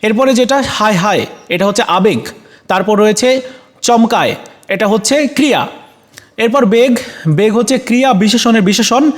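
High-voiced Bangladeshi man teaching. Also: normal speed, pauses often. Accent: Bangladeshi Bengali. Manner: casual, frequent fillers and self-corrections. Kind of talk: exam answer walkthrough.

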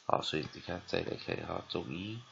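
Against a noisy background in a muffled recording, a low-pitched man with vocal fry and huge pitch swings teaches an English spelling and phonics lesson. His Mandarin carries a Taiwanese accent, and he stretches repeated syllables and frequently tags phrases with "ha."

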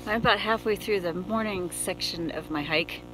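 A tired middle-aged American woman, a thru-hiker vlogger, talks casually into a phone held at arm's length on a wooded mountain trail. Her voice is fairly low at normal speed, with loud music behind it and poor audio quality.

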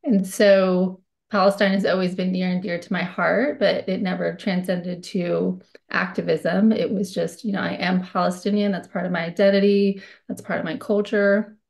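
Female guest from the US, candid and personal, on a video call, with a gravelly, lowish voice. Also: level tone, normal speed, few pauses, a little mellow. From United States. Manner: candid, with frequent fillers. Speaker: guest speaker. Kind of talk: personal account.

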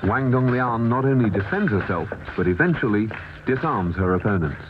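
A man reading scripted documentary narration in a measured, even way, heard from a worn VHS tape copy. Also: medium pitch, noisy background. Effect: worn VHS tape copy, muffled and lo-fi. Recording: muffled worn videotape with music behind.

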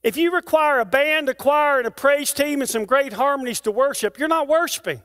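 Male pastor with a very high voice, preaching in a church, rhythmic and declamatory, talking straight to the congregation. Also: fairly quick, a bit bright. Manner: conversational asides to the congregation. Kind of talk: sermon. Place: church sanctuary.

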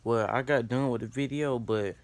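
Steady in tone and medium in pitch, a young man speaks at a moderate pace. Recording a casual vlog with his phone camera, he starts outdoors beside a pond and later heads into an indoor room. His talk is loose and meandering, addressed right to his viewers.

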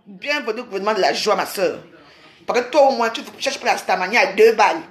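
A woman's voice: medium pitch, expressive, fast. A woman from Cameroon, ranting angrily on a home live stream, scolding and repeating herself. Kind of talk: angry live-stream rant. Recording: roomy echo.

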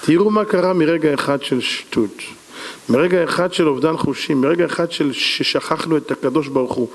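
A man preaching a sermon as a rabbi, telling a parable in an animated way and asking rhetorical questions, in an echoey hall. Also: on the high side. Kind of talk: sermon with storytelling.

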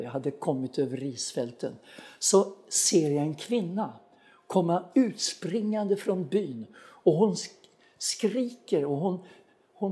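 A man preaching on a broadcast sermon, his voice sitting a little high yet mellow and soft-edged. He speaks earnestly and turns straight to his listeners, weaving a personal story into the sermon. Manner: earnest, addresses listeners directly. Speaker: pastor. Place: studio broadcast of a web church.

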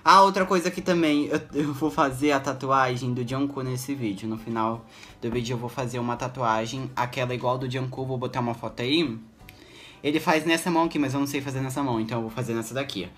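A young man with a Brazilian Portuguese accent gives excitable, jittery gameplay commentary at his computer, full of exclamations. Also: medium pitch, fast, faint music behind. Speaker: gaming YouTuber.

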